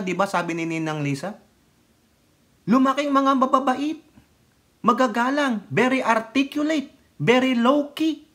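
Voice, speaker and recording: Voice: mid-range voice, a bit bright. A middle-aged commentator from the Philippines, talking politics in a fiery, casual way and firing off rhetorical questions.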